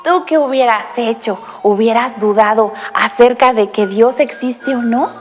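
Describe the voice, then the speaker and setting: High-voiced woman teaching children slowly. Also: big-room sound, faint music behind. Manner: addresses the child directly with frequent questions; animated storytelling. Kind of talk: Bible lesson for children.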